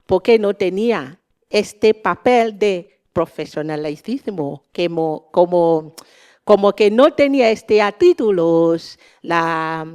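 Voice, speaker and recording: Woman, Nigerian accent, non-native Spanish, smooth resonant voice, slow halting phrasing, informal panel talk. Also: fairly low pitch, expressive, a little mellow. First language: not Spanish. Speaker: panel speaker, activist.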